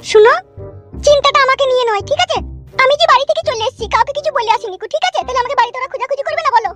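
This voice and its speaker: A pushy young cartoon wife, voiced by a woman who pesters with question after question. She speaks. Her voice is very high and bright, and she talks very fast. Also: soft background music. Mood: impatient.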